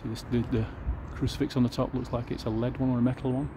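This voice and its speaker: Speaking fast in a flat, medium-pitched voice, a man provides casual commentary during a walking tour on a city street. Street sounds are audible in the background as he muses aloud, filling pauses with fillers.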